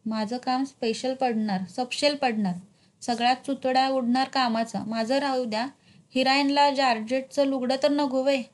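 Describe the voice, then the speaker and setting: A woman's voice: sits high, fairly even intonation, normal speed, lightly acted. A woman voicing a whiny young male village actor who complains in a tearful tone.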